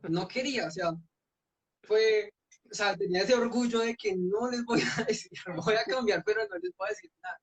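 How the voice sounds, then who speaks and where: A man's voice: high voice, lively intonation, normal speed, husky. A young man giving an earnest personal testimony at a church youth meeting, telling his story with frequent restarts. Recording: dull lo-fi sound.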